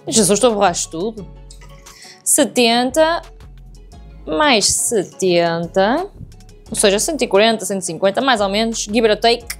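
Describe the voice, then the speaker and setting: With soft background music playing, a young cooking vlogger with a European Portuguese accent talks directly to viewers while making food in her kitchen at home. Her medium-pitched voice is expressive and measured, with frequent pauses, in a chatty tutorial style.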